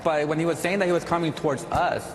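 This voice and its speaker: A man's voice: a little high, steady tone, quick pace. A man speaking as a defendant on a court show, deferential but insistent as he answers and explains himself. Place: TV courtroom studio. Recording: echoey hall with faint noise.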